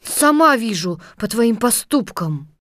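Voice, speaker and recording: A woman's voice: fairly high pitch, big pitch swings, slow, a bit bright, no room sound, clean studio sound, heavily acted. A woman voicing a brave, protective little girl in a dramatized storybook reading, scolding and righteous. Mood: indignant.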